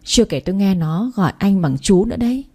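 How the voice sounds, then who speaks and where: A stern, angry older father-in-law from a storybook, voiced by a woman narrator. He scolds harshly in a mellow, warm voice that stays close to the reader's own. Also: mid-range voice, expressive, brisk, close to an everyday voice. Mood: scolding.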